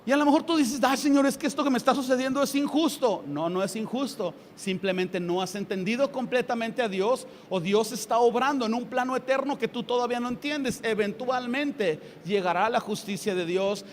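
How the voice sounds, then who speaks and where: A man with a Mexican accent preaching a sermon in a lively way, with sarcastic asides and acted-out quotes. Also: sits high. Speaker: pastor. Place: church hall. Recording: reverberant hall with faint ambient noise.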